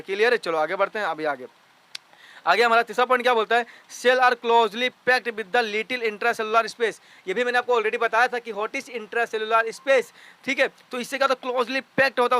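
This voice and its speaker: High bright-voiced young male biology tutor. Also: clear, resonant tone. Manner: keeps asking if students understand. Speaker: biology teacher. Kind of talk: classroom lecture over a drawn diagram.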